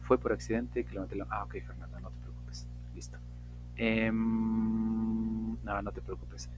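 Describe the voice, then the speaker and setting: A man teaching English in an online class, slowly and emphatically modeling example sentences. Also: lowish voice, little pitch movement, over music, rough recording.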